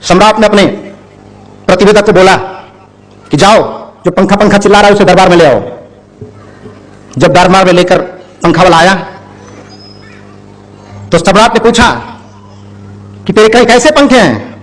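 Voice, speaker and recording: A man's voice: high voice, normal speed, long pauses, low-quality recording. A man telling a moral story in a talk, acting out the characters' lines with animation. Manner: animated storyteller who acts out the quotes. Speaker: speaker.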